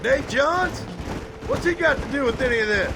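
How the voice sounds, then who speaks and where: An actor playing a weary, defiant former outlaw in a Western game, curt, dry and folksy. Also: male voice, very high voice, expressive, moderate pace. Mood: dry, sarcastic. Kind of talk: video game acting. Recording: clear horse and outdoor noise. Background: hoofbeats, outdoor ambience.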